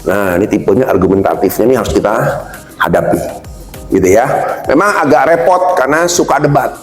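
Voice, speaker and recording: A man's voice: on the low side, brisk. A middle-aged man giving a casual seminar on workplace communication, chatty and slangy, acting out bosses and coworkers as he talks. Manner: animated, acts out quoted bosses and coworkers. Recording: roomy hall with faint music.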